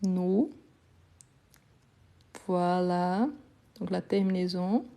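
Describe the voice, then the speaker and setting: A woman teaches French conjugation live and unhurried, with a mellow, warm tone. She is patient, repeats each word several times and keeps praising the people following along. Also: lowish voice, fairly even intonation, vocal fry. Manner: slow, patient, repeats words and praises learners. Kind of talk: live online conjugation lesson.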